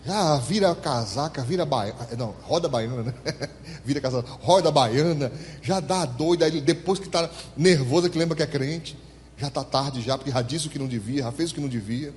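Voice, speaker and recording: A pastor, preaching a sermon in church and calling on the congregation to answer him. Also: male voice, fairly high pitch, fairly quick, a little hiss or hum. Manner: animated, asks the congregation to respond. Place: church hall. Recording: echoey church hall.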